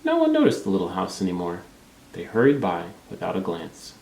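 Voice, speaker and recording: A man's voice: sits low, wildly swooping pitch, a little fast, vocal fry, a little mellow, a little hiss or hum. A man reading a children's storybook aloud as narrator. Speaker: storybook reader. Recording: roomy, echoing room sound.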